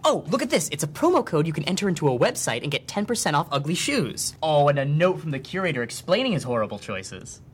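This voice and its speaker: An actor playing a gushing, gullible and excitable box-subscription fanatic in a comedy sketch. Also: medium pitch, quick pace, hardly any pauses, slight background noise, natural voice. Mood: eager. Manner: over-excited, exclamatory. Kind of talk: comedy sketch parody ad dialogue.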